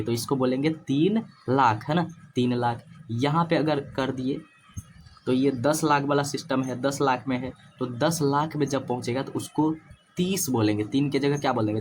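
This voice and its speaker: Guy teaching number places, mid pitch, asks then answers himself, slight noise behind. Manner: repetitive, asks and answers own questions. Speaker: maths teacher. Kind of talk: classroom-style lecture.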